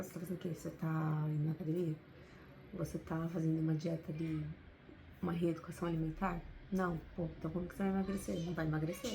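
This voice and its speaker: A woman's voice: lowish voice, dark tone, a little hiss or hum, poor audio. A woman with a Brazilian Portuguese accent, talking to camera in an unscripted, heartfelt motivational vlog, often adding little tag questions. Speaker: vlogger.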